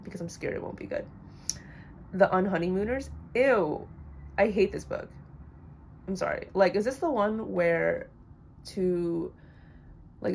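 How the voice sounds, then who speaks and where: A woman's voice: on the low side, creaky, darkish tone, a little hiss or hum. A young woman casually rambling through blunt opinions on books she has read, with lots of fillers. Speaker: book vlogger. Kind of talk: casual chat.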